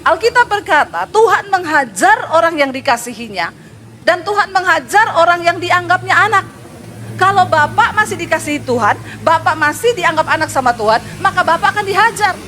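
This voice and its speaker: Woman pastor, sermon, high-pitched, lively and teasing, faint background noise. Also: normal speed. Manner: animated, acts out dialogue, teasing humor.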